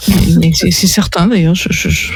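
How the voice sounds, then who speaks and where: A woman's voice: fairly low pitch, fairly even intonation, fairly quick, slightly rough. A woman chatting playfully as a panelist on a casual radio show.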